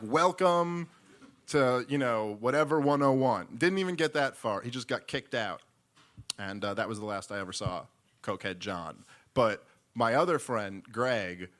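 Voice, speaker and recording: A man doing stand-up, telling a rambling story with animated, mock-exasperated delivery. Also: medium pitch. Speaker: comedian.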